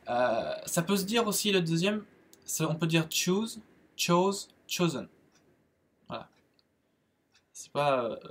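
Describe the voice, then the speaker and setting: A French man with a French accent giving a casual spoken lesson on English verbs, halting, with many fillers and restarts. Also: a little high, fairly bright tone. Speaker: English teacher, channel host.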